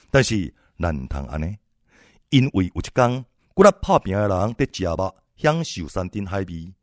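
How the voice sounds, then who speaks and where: A man preaching a sermon, exhorting his listeners and swinging between loud and soft phrases. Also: on the low side, no room sound, clean studio sound.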